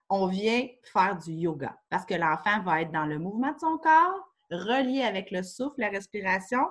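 A Québécois woman guest on a podcast walks listeners through simple exercises, her voice sitting at an everyday middle pitch. She speaks casually with fillers and a spirited, teacherly way of laying things out step by step. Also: fairly bright tone. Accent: Québécois French. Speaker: children's yoga educator in schools. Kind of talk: explanatory podcast chat. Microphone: studio microphone.

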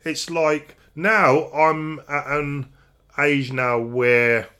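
A man's voice: a little high, steady tone, very slow, pushed and bright, clear, resonant tone. A middle-aged man hosting a casual podcast chat, rambling with restarts and self-mocking asides. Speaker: podcast host.

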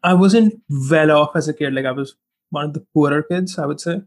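In a relaxed interview, a guest in his twenties from India reflects on earlier days, sprinkling in "like" and "you know." Hindi is his first language, and he talks fairly quickly with a fairly high pitch.

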